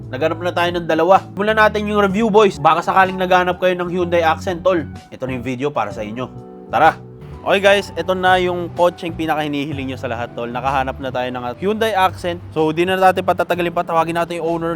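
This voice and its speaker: A young Filipino-accented man hosting a casual car review in a chatty, high-pitched voice, peppering his Tagalog with English and calling his viewers "bro". Soft music runs beneath his talk. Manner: chatty, calls viewers "tol" and "boys", mixes English into Tagalog.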